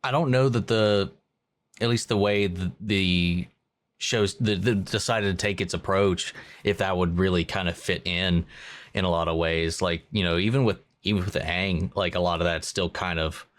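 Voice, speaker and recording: A man hosting a casual interview, a relaxed listener who talks in halting, searching phrases. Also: low-pitched. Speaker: interview host.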